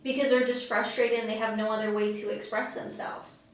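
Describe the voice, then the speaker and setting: A woman's voice: fairly high pitch, flat delivery, a little fast. A woman co-hosting a podcast in casual chat, rambling along with lots of "like" fillers. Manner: chatty, rambling, many "like" fillers. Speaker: podcast co-host. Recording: very echoey room, mic far off.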